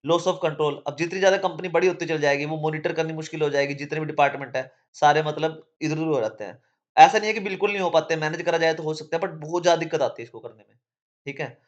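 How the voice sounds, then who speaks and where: A male teacher with a sore throat and a fairly high voice casually explains economics to students, in a muffled recording. Between points he keeps checking in with "theek hai."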